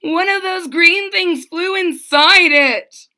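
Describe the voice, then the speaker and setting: A woman voicing an excitable male royal trumpeter in a children's storybook, panicked and determined, with shouted, wailing exclamations. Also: very high voice, slow pace, voice pushed up, full character voice. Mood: alarmed, determined. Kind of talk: children's storybook read-aloud.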